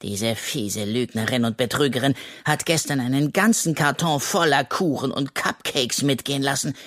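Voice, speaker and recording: A reader voicing an excitable, boastful little male raccoon in a children's audiobook, with a hissing, conspiratorial manner. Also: mid-range voice, normal speed, close to an everyday voice. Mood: excited. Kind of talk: children's audiobook role reading.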